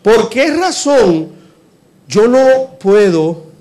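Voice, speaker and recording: A man preaching a sermon, asking rhetorical questions and swinging between loud emphasis and hushed lines. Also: sits high, big pitch swings, drawn-out words.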